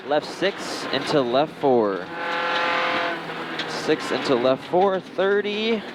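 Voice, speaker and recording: A man's voice: fairly high pitch, very animated, slow pace. A man working as a rally co-driver, calling out pace notes in clipped, repeated strings of numbers and directions from inside a moving car. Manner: clipped, repetitive callouts with numbers. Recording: very loud race car engine noise. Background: engine roar, tire squeal, car noise.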